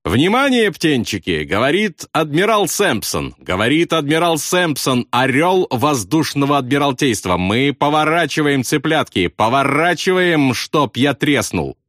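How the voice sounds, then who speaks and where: A man voicing a jovial, excitable young male pilot who shouts in a high, shrill voice. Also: unhurried, few pauses, no echo, studio quality. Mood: gleeful.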